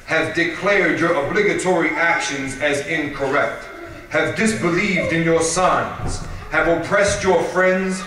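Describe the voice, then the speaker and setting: A man giving a sermon at a religious gathering, reading aloud in a measured, steady way. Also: fairly high pitch. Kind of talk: sermon with read-aloud prayer. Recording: echoey hall, voice from far off.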